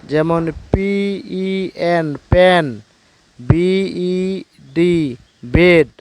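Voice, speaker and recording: A man teaching English letter sounds in a slow scripted lesson, spelling each word letter by letter. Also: on the high side, fairly even intonation, smooth.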